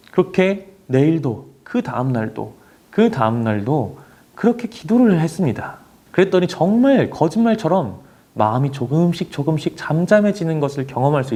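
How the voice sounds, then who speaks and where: A young youth pastor preaches a sermon to teenagers, telling a story dramatically and speaking the characters' inner thoughts out loud. His voice is a little high and warm.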